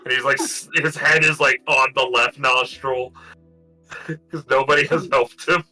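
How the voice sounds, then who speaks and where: A man's voice: medium pitch, steady tone, a little slow, pushed and bright, faint music behind, poor audio. A man narrating as game master in a tabletop game stream, rambling with lots of fillers.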